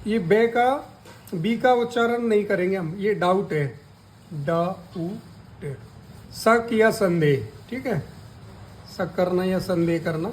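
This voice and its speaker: A man teaches in a high voice at a slow, deliberate pace. He repeats each key word and asks questions he answers himself, with faint ambience behind him. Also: a little hiss or hum, low-quality recording. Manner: deliberate, drawn-out spelling of letters. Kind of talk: slow spoken lesson.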